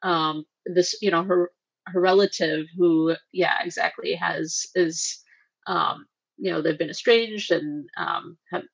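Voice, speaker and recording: A woman's voice: fairly low pitch, steady tone, slow, creaky, husky. A woman guest co-host in casual chat, rambling and full of filler words. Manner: rambling, heavy use of like. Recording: dull lo-fi sound.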